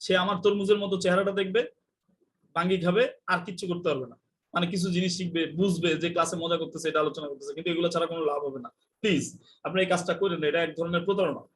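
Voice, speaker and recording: A man's voice: sits high, steady tone, very fast. A young man teaching English in a live online class, joking and scolding and mixing in English phrases.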